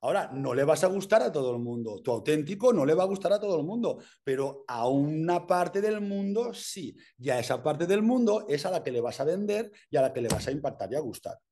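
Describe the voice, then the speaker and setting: A man with an accent from Spain, giving an energetic, casual mentoring talk full of slang and swearing. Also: on the high side, a little fast, few pauses. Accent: Spain Spanish. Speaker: personal branding mentor.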